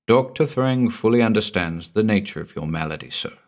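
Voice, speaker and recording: A man voicing a quiet, deliberate hospital attendant. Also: lowish voice, lively intonation. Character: polite, calm male hospital attendant.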